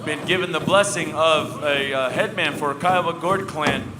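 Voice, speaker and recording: A man's voice: a little high, normal speed, recorded from a distance. A man announcing live over a PA as a powwow emcee, addressing the gathering as relatives. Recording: echoey PA, loud music and crowd. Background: loud music and crowd.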